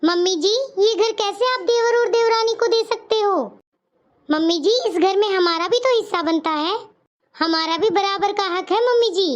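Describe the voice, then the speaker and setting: A woman's voice: very high voice, moderate pace, dull audio. A woman voicing a firm, outspoken young daughter-in-law in a cartoon story who insists on her rights. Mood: indignant. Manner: insistent, indignant.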